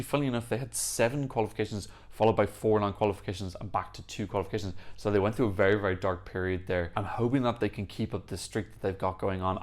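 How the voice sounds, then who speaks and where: A young man hosting a music reaction channel, chatting enthusiastically and gushing in casual analysis. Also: fairly low pitch. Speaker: Eurovision reaction channel host.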